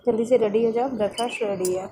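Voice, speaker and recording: A woman voicing a caring middle-aged mother who hurries and gently scolds her daughter. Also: fairly high pitch, fairly even intonation, fast talker, lightly acted. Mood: fussing. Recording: noisy background hiss.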